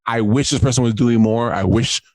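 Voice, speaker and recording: An animated man in a mid-range voice, co-hosting a casual chat. He laughs often and repeats himself as he talks. The sound is dry, with no room echo, from a video call. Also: mid-range voice, brisk. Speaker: podcast co-host.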